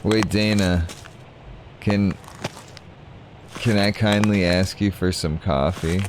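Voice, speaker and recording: Young man, game streamer, drowsy, rambling, very low voice, slow talk, noisy stream audio. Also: fairly even intonation. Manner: drowsy, rambling, self-mocking. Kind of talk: casual gameplay commentary.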